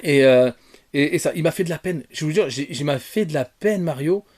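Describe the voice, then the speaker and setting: A man giving an off-the-cuff film review, rambling with many fillers and restarts, talking straight to his viewers and jumping from soft asides to loud outbursts. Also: fairly high pitch, brisk. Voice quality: bearded. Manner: addresses viewers directly. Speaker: retrogaming YouTuber.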